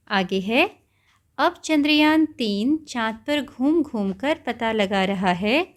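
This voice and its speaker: Patient woman teaching young children. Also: on the high side. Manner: patient, repeats and explains words simply; often checks in with "okay" and "right". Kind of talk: explaining a textbook lesson to children.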